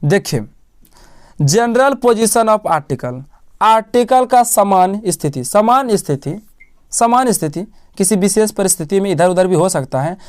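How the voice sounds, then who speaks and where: A smooth-voiced male teacher with a voice that sits high drills grammar in a classroom-style lesson. He asks questions, answers them himself and repeats key words.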